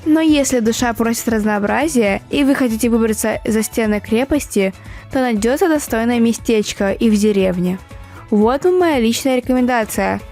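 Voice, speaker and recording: A woman's voice: a little high, moderate pace, a little mellow. A woman reading a scripted travel vlog voice-over in a playful, storybook-like way. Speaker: travel vlogger. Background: faint music.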